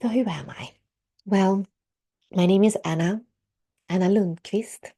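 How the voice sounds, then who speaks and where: A woman in her thirties with a Swedish accent tinged with American and Australian English, speaking as a podcast host in a gentle, reflective way that trails into soft breathy asides. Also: medium pitch, measured pace. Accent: Swedish, mixed with American and Australian English. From Sweden. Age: 30s. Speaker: podcast host and birth work mentor. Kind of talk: personal podcast monologue.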